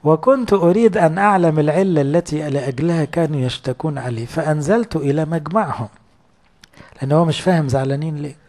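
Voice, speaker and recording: A man's voice: a little high, quick pace, a little mellow. A man with an Egyptian Arabic accent, a priest giving a sermon that explains scripture in colloquial storytelling and often asks his listeners questions.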